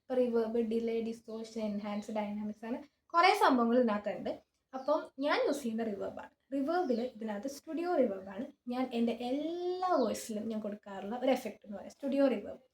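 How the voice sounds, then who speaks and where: A woman explains how she records song covers in a relaxed, chatty way, often pointing things out as she goes. Her voice is high and she talks quickly. The sound carries the ring of a small closed room. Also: roomy sound. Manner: chatty and informal, often saying "see" while showing things. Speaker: singer giving an app tutorial. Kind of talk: casual screen-recorded tutorial.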